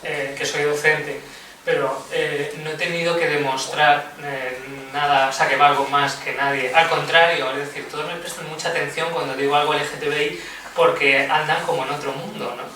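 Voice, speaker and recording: A man's voice: a little high, fairly even intonation, normal speed, pushed and bright. A man, a teacher speaking as a guest on a round-table panel, earnest and emphatic, laughing often. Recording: echoey room, distant mic, noisy.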